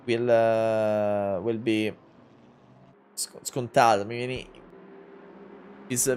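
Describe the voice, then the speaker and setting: There is a little hiss or hum behind this mid-range voice of an Italian man in his twenties commentating a sim race in English. Accented and hesitant, he restarts often and leans on fillers, though close battles make him louder and more excited.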